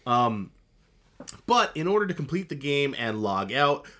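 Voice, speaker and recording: A man's voice: mid-range voice, a little slow. A man co-hosting a podcast, recapping an anime episode in casual chat with a sarcastic edge. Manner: animated and sarcastic. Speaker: podcast co-host.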